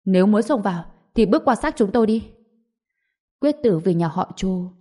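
A woman reading the shouted lines of a wounded, desperate clan standing its ground. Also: medium pitch, expressive, normal speed, close to an everyday voice. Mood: defiant shouting.

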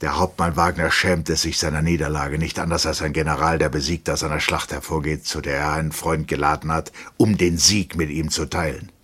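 Give me a deep-voiced man narrating a literary radio reading. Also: level tone, brisk, few pauses, fairly bright tone, slightly rough.

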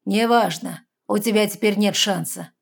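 A woman voicing a brooding, predatory male fairy lord who speaks in a firm, clipped, slow way. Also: fairly low pitch, a little mellow, slightly rough. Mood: cold commanding.

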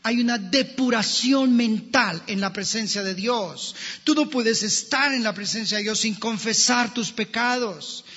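A male pastor preaches slowly, his voice high and husky. He speaks emphatically and straight to the congregation. The sound is dull and lo-fi, with a long church reverb behind it. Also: pushed and bright. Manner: emphatic, addresses the congregation directly. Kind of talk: preaching a sermon.

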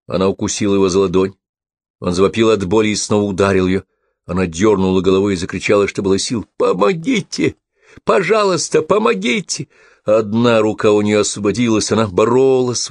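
A man narrating an audiobook in a steady, measured reading. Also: on the low side, no room sound, clean studio sound.

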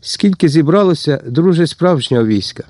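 A man's voice: on the high side, lively intonation, normal speed, a little mellow, no echo, voice pushed up, lightly acted. A hearty, confident Cossack captain as a male reader puts him on, talking plainly with a comrade and pressing him with questions. The voice lifts a little above the narrator's own, in a dry, close recording.

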